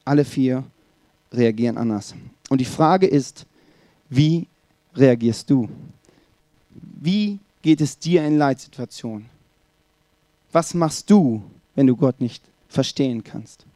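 A man's voice: mid-range voice, animated, slow, long pauses, mellow, no room sound, studio quality. A man preaching a sermon, speaking emphatically and addressing the listener directly with rhetorical questions.

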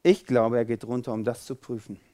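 A man preaching a sermon who reads from the Bible, repeats key phrases and asks rhetorical questions, swinging from loud declarations to quiet, intense asides. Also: mid-range voice, flat delivery, fairly quick.

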